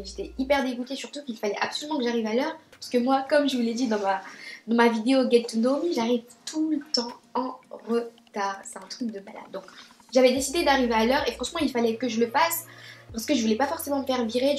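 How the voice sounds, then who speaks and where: A young woman tells a story to camera in a casual vlog. She talks in a chatty, animated way, stumbling over fillers and restarts, and her voice sits a bit on the high side. The room around her gives a clear echo. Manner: chatty and animated, many fillers and restarts, acts out her own quoted lines. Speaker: beauty vlogger telling a story. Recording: echoey room.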